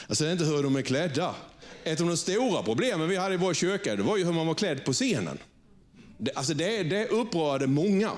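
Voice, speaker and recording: Guy pastor giving a sermon in church, talks casual, keeps asking the crowd if they're with him. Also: fairly high pitch. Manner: conversational, asks the congregation for agreement; frequent restarts and repeated words. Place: church before a congregation.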